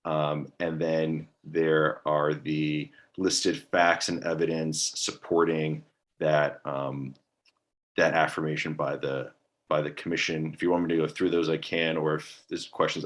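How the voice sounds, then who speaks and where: A man giving a hesitant, monotone staff briefing at a public meeting over a video call, filling pauses with um. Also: rumbling low. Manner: monotone, hesitant with many ums. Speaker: staff attorney at a commission meeting.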